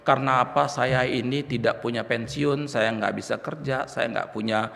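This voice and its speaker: Male pastor, heartfelt storytelling sermon, gravelly edge, long church-hall reverb. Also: mid-range voice, steady tone, normal speed, fairly bright tone. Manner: emotional storytelling, addresses congregation as brothers and sisters.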